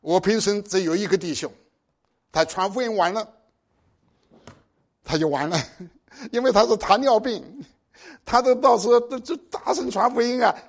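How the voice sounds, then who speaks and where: High-voiced older preacher, exhorting. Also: male voice, moderate pace, pauses often. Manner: exhorting, with pointed rhetorical questions. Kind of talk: sermon.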